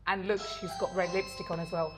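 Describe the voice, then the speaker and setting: Music plays behind a middle-aged podcast co-host with a Southern English accent as she tells stories in casual talk. Her voice is fairly low and level, she goes fairly quickly, and she often restarts and leans on fillers.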